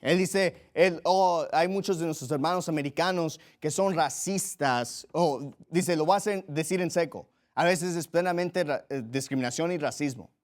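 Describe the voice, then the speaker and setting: A man from Mexico preaching a forceful, combative sermon as a pastor. His voice sits a little higher than most men's. He often restarts and repeats words as he presses his pointed questions. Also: normal speed, few pauses.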